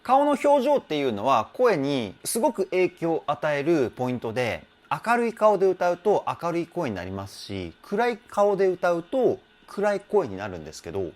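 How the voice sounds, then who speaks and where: This vocal trainer has a slightly high, darkish voice whose pitch swoops wildly, and he talks at a moderate pace with few pauses. Chatty and self-deprecating, he breaks down singing technique, laughing often and humming or imitating sung phrases.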